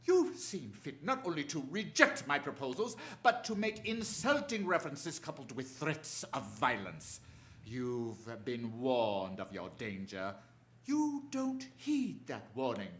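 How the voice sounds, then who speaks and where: Villainous professor, radio drama, menacing, formal, animated pitch, tense sharp tone. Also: male voice, a little slow. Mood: cold menace. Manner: formal, threatening. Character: menacing male professor, criminal mastermind villain.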